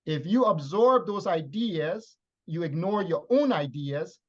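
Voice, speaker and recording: A man's voice: fairly high pitch, animated, a little slow, muffled recording. A man from Liberia teaching in a lecture style, stressing his points with repeated phrases. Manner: emphatic, repetitive teaching phrases.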